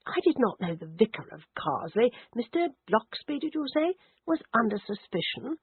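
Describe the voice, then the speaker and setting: A woman narrator voicing a mild, apologetic older male vicar with a refined, soft-spoken manner. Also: on the high side, very animated, normal speed, breathy edge, no room sound, pitched above the performer's own voice, full character voice. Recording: dry, narrowband phone-like audio.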